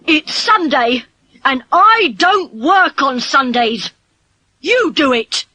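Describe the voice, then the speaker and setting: A woman with a British English accent voicing a stubborn farmer father who speaks loudly, firmly and defiantly. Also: medium pitch, slow pace, no echo. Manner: loud, firm and defiant.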